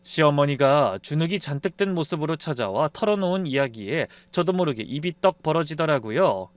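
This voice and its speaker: A man's voice: fairly high pitch, animated, a little fast, dry recording. A man narrating a scripted story in a confiding, conversational way.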